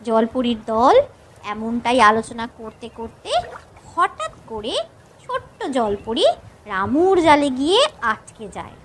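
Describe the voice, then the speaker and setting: High, lively storybook narrator woman. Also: measured pace, noisy background. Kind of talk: scripted storybook narration for children.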